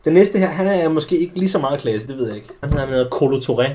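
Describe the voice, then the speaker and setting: A young adult man hosting a casual sports podcast, telling lively anecdotes with many restarts. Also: fairly high pitch, a loud crowd. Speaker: podcast host. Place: small studio.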